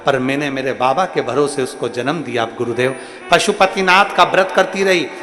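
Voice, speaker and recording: A male religious storyteller giving a live devotional sermon, swinging dramatically between loud and soft. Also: mid-range voice, normal speed. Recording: echoey live hall with long reverb.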